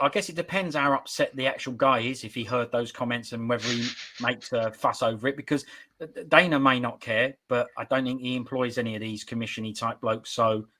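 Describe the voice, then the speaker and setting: A man's voice: mid-range voice, fairly bright tone, poor audio. A man hosting a casual sports podcast chat, rambling and restarting his sentences. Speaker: podcast host.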